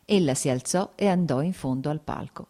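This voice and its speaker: A woman narrating a classic novel audiobook in a measured, even reading. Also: low-pitched.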